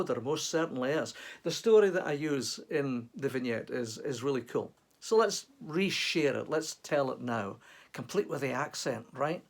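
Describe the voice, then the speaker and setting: A man, an author, giving a chatty, reflective talk to camera full of rhetorical questions. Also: a little high.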